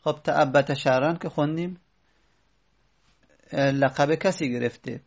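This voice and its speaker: A man teaching a grammar lesson, patient and explanatory. He repeats each step, stops to think aloud with fillers and slows down on the key examples. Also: on the high side.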